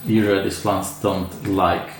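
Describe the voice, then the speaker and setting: An orchid grower from Italy talks through an orchid unboxing for a casual vlog, his Italian accent carrying a low, gravelly, fairly flat voice. He speaks a little slowly and hesitantly, chatting with lots of fillers and restarts, in an echoey room with faint ambient noise behind him.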